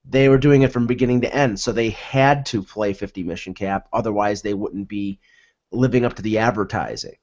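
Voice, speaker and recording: A man co-hosting a casual sports talk show, telling anecdotes in a halting way and repeating words as he goes. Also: fairly low pitch, darkish tone. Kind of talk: casual chat, anecdotal storytelling. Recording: dull lo-fi audio.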